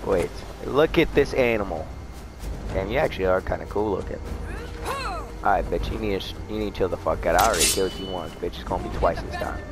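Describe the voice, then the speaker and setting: A young man giving profane let's play commentary, muttering low and then shrieking in panic. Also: brisk, over music. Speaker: gamer.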